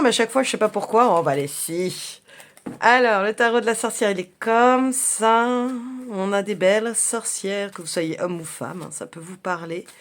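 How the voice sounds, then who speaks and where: A chatty woman gives a casual tarot reading to her viewers, stopping often to hesitate and restart her sentences. Her voice sits at a middle pitch, and she talks while handling cards at her desk. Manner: chatty, many fillers and restarts. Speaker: tarot reader.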